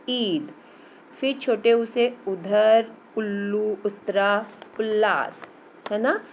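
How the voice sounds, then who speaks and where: A woman teacher speaks slowly and patiently to young children, often pausing to check that they follow. The recording is muffled and lo-fi, with a faint ambient hum behind her. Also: mid-range voice, darkish tone. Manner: slow and patient, with frequent checking "hmm?". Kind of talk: classroom lesson for children.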